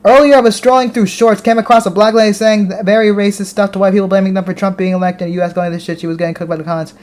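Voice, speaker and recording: This American livestream host reads chat messages aloud and responds in a relaxed manner, frequently restarting his words. His high-pitched voice is fast, steady in tone, and a little mellow.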